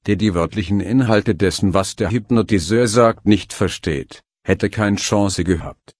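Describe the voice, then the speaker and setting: A man narrating a scripted instructional guide in a calm, measured way. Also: fairly low pitch, no room sound, clean studio sound. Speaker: hypnosis instructor.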